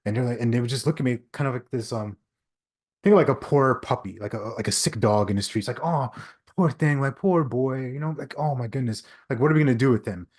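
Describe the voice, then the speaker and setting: Here a Long Island native whose first language is English talks briskly in a mid-range, darkish voice. He's a leadership speaker guesting on a podcast, earnestly recounting his life story in a reflective, conversational way, often restarting and tagging lines with "right?"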